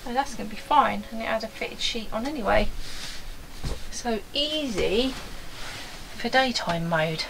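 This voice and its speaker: A woman in her forties with an English accent, a vlogger converting a van, chats casually and laughs often at herself as she works. Her voice is high-side and lively, a little slow, with vocal fry and long pauses. She's inside a van on a driveway and outdoors beside a house, with a noisy background.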